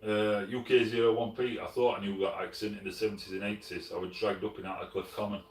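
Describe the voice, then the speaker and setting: A middle-aged man with a Sheffield Yorkshire accent, casually answering live chat as host, relaxed and full of fillers and restarts. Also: lowish voice, quick pace, recorded from a distance. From Sheffield, England. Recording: roomy, from off the mic.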